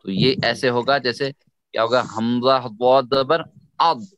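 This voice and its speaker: Urdu-accented guy teaching tajweed online, real slow and patient, dry close sound. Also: medium pitch, steady tone, fairly bright tone, clean tone, no echo, lo-fi sound. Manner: slow and patient, models sounds for the student to repeat. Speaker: Quran recitation teacher.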